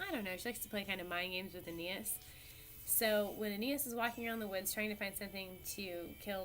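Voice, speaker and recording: A woman teacher talks her class through an old epic in an easygoing, chatty way. Her voice sits at an ordinary middle pitch. She stops to fix her own words and throws questions out to the room. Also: a bit bright. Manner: casual, chatty, self-correcting storyteller. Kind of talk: classroom lecture.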